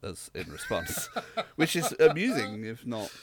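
A man's voice: mid-range voice, wildly swooping pitch, measured pace, noisy background. A young man from rural England, co-hosting a podcast in casual, rambling chat. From Southwest England. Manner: rambling, hesitant, explains at length. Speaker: podcast co-host.

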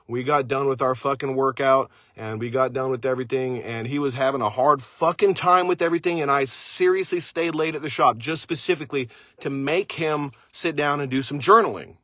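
A man delivers a fierce motivational rant, swearing at every turn and pushing his listeners hard. His voice is forceful and bright, and it sounds close and dry with no room around it. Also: mid-range voice, no echo. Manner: intense, blunt, swears constantly. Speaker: motivational speaker; father.

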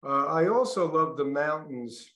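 An older man with a Brooklyn accent, a podcast guest speaking reflectively with pauses and restarts. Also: on the high side, roomy sound. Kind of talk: podcast interview.

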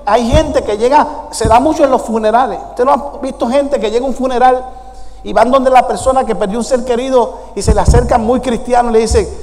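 Un pastor que predica con énfasis y hace preguntas a la congregación en una iglesia. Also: male voice, extremely high pitch, fairly even intonation, a little fast, darkish tone, a little hiss or hum. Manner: emphatic preaching with questions to the congregation. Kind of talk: sermon. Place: church sanctuary. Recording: long church hall reverb.

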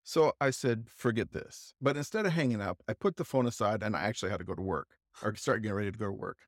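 A man co-hosting a podcast, telling a casual, halting anecdote full of restarts and asides. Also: lowish voice, dry recording, clean studio sound. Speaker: podcast co-host. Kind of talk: casual storytelling chat.

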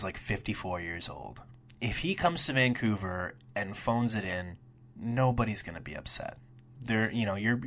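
A young man hosting a solo wrestling review podcast, talking casually with rambling asides and profane, excitable rants. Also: mid-range voice.

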